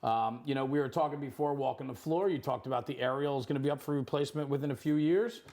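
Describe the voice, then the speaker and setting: In a firehouse kitchen, a middle-aged male host conducts a casual, on-location interview with effusive encouragement. His mid-range voice has a darkish tone, and he talks fast.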